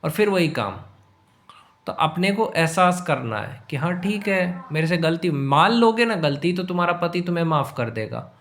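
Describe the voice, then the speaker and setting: A man's voice: a little high, expressive, moderate pace, a bit bright. A man giving relationship advice in a lecturing monologue, speaking straight to his listeners and asking them one rhetorical question after another. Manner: addresses listeners directly as you. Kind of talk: direct-to-camera advice monologue.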